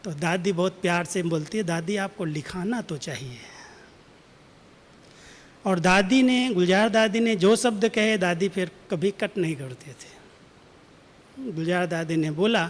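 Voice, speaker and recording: Spiritual teacher, male, high voice, gentle storytelling with acted quotes, long hall reverb. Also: unhurried. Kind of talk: spiritual class talk with anecdote.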